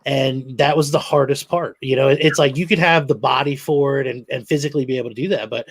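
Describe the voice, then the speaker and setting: Gravelly, husky male co-host. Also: medium pitch, fairly even intonation, fast, no room sound. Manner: supportive, chimes in with agreement. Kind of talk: casual interview chat.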